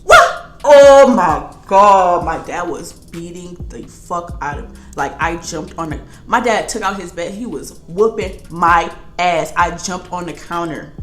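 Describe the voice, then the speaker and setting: A young woman vlogger telling a casual storytime, animated and slangy, often laughing. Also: fairly low pitch, a little slow, few pauses. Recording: roomy echo with faint music.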